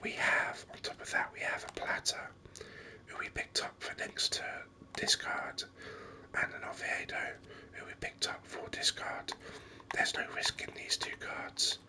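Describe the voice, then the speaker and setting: Into a nearby microphone, the host of a gaming video murmurs a whispered, breathy ASMR commentary about a game. The talk is gentle, explanatory and never rushed.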